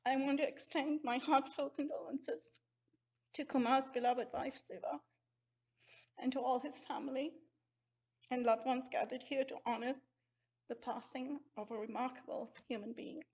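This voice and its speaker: Middle-aged sri woman, husky voice, earnest heartfelt eulogy, slightly high voice. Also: fairly even intonation, moderate pace, a little mellow. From Sri Lanka. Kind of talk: memorial eulogy speech.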